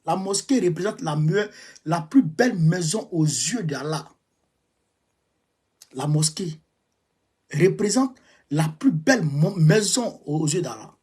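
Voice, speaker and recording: A man with an Ivorian French accent holds forth in a heated monologue. His voice is husky, and he leans on repetition, hammering the same phrases. He keeps lurching from loud bursts of indignation down to low, grumbling asides. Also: lively intonation, slow pace, pauses often. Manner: emphatic and repetitive, veering between raised outbursts and low muttering. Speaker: political commentator. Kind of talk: impassioned monologue.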